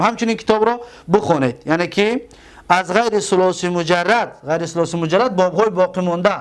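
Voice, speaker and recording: A man with a Tajik accent teaches a grammar lesson in a fairly high voice. He drags out key terms and repeats them. He poses questions to his students and then answers them himself. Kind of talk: classroom lesson.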